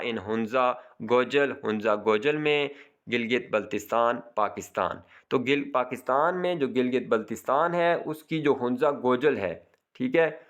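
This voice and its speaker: Male teacher, reads English lines slowly and then explains them, steady lesson delivery. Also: medium pitch. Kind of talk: textbook lesson, translating into Urdu.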